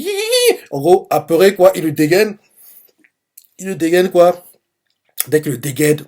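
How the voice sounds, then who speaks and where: A man's voice: medium pitch, a little mellow, husky. A man reacting live to a manga chapter, describing the panels in rambling speech full of fillers. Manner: rambling, heavy use of fillers.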